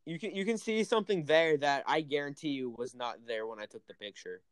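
A man's voice: fairly high pitch, a little fast, dry recording. A man co-hosting a casual podcast, telling spooky stories in a playful, rambling way.

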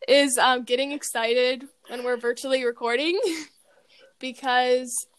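A young woman co-hosting a podcast in casual chat, relaxed and reflective, her voice going hoarse. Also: high-pitched, slow pace. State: losing her voice. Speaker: podcast co-host. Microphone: recording remotely.

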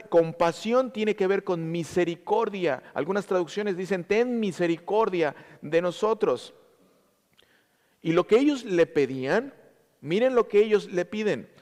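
A man's voice: high voice, a little mellow, big-room sound. A man preaching a sermon to his congregation, teaching with repeated emphasis and speaking to them directly.

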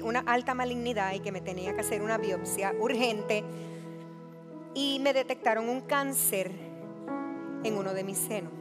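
A woman pastor giving an earnest personal testimony, acting out the things people said to her. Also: fairly high pitch. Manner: earnest, confessional, acts out quoted dialogue. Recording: music playing behind her. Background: music.

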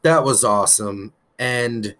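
Excitable man chatting about wrestling. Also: medium pitch, slow. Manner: excited fan talk with frequent "um" fillers and some cursing. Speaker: podcast co-host. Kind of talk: casual wrestling news chat.

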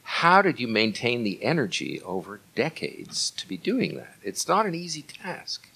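A man's voice: medium pitch, huge pitch swings, moderate pace, creaky, bright, forceful tone, husky. A man acting as interviewer, asking questions in a conversational style.

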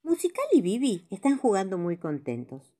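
A woman narrating children's stories as a storyteller, with a lively, dramatic reading style. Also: mid-range voice, moderate pace.

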